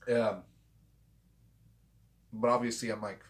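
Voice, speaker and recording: With a couple of drinks in him, a forty-something vinyl channel host talks loosely and swears freely in a casual home vlog shot on a desk camera. The small room has framed pictures and a guitar, and his voice is fairly low, steady in tone and slow.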